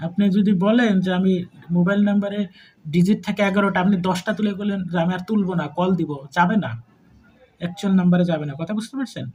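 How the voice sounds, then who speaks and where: A man's voice: sits high, steady tone, quick pace, darkish tone, dull audio, slight background noise. A man with a Bangladeshi Bengali accent teaching a math lesson to students in a chatty way. He mixes in English terms and keeps asking whether the class follows him. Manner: conversational, mixes English terms, checks understanding with repeated questions.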